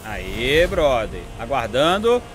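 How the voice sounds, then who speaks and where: A young Brazilian man with a Brazilian Portuguese accent, chatting excitedly and slangily while playing a racing game. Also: mid-range voice, slow pace. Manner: excitable, chatty, slangy, calls himself to calm down. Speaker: gaming YouTuber. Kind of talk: excited gameplay commentary. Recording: game audio noise behind.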